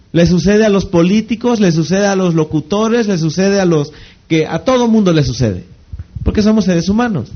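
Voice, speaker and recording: A high-pitched man gives a motivational network-marketing training talk, repeating phrases for emphasis and constantly posing rhetorical questions to the audience that he then answers himself. The lo-fi recording is slightly dull.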